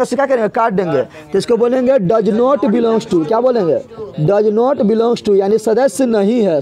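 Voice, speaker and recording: A man teaches a math class in a classroom. His voice sits very high, and he keeps asking the same question twice and stretches out slow counting for his students. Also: a little mellow. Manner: drills students with repeated questions, drawn-out counting. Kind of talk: classroom lesson with call-and-response questions.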